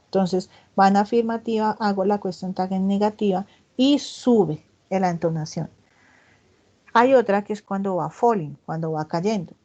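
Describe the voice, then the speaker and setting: Woman tutor, mellow dull-sounding online class. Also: mid-range voice. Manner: explains step by step, often checks in with "¿listo?"; reads English example sentences slowly and with emphasis. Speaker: English tutor.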